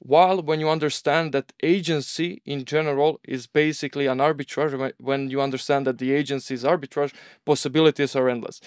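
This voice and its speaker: A young man with a Croatian accent chats in a loose, rambling way, dropping plenty of fillers. His voice sounds smooth and clean, and the recording is dry with no room echo. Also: mid-range voice. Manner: relaxed, rambling, uses "bro" and "like". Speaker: agency owner, guest. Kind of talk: casual interview talk.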